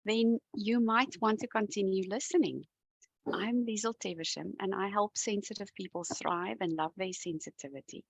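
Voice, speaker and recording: A woman's voice: medium pitch, fairly even intonation, normal speed, creaky, breathy edge, dry recording, rough recording. A woman hosting an interview, welcoming her guest and asking structured questions. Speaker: podcast host.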